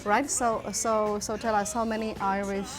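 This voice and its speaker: A woman's voice: medium pitch, little pitch movement, moderate pace, music in the background. A woman presenting a TV show, interviewing guests and reading from her notes. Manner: inquisitive, reads prepared notes. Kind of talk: studio interview.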